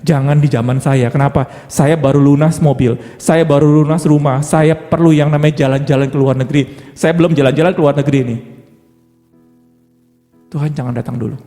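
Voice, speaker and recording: A man's voice: a little high, mellow. A man preaching a sermon with an Indonesian accent, in a conversational style full of rhetorical questions and playful asides. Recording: long hall reverb with faint music.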